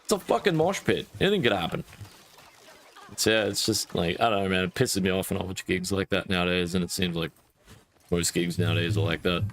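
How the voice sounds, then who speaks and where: A low-voiced man talks casually while he plays a game. He rants with plenty of swearing, and his voice climbs in bursts of irritation. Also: fairly quick, a little hiss or hum. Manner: profane, animated ranting with rising outbursts. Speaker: gaming streamer.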